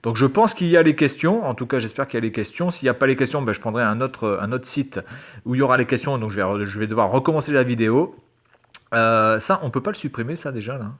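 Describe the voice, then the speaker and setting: This fast-talking man, mid-range in pitch, is a video creator working through quiz questions out loud. His reactions are sarcastic and exasperated, peppered with swearing and muttering.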